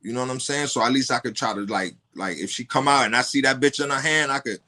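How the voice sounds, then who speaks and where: A man guesting on a podcast tells a story quickly in heavy street slang, his pitch in an ordinary middle range. Profane and animated, he keeps stumbling over his words and repeating them as the casual retelling goes on.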